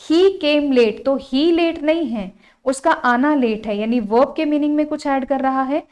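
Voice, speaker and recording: A woman's voice: high-pitched, darkish tone, clean tone. A woman teaching English grammar with an Indian accent, explaining step by step and asking questions that she answers herself. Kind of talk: classroom grammar lesson. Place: classroom with a board.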